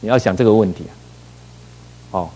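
A middle-aged man from Taiwan, a pastor preaching a sermon, telling a story with lively asides and rhetorical questions. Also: fairly low pitch, brisk, low-quality recording.

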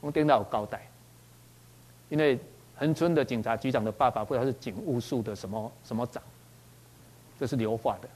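A man with a Taiwanese Mandarin accent recounts his own story as a doctor, with a voice of ordinary middle pitch. He tells it with animation, stammering over repeated words, and drops into Taiwanese phrases along the way. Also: darkish tone. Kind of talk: spoken personal anecdote.

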